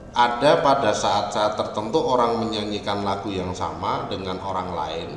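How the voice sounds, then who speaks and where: Man, university lecturer, slow explaining tone, roomy reverberant sound, faint background hum. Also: on the low side. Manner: explains slowly, with frequent "ya" tags. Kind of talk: online music software lecture. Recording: echoey, reverberant room, faint ambient noise.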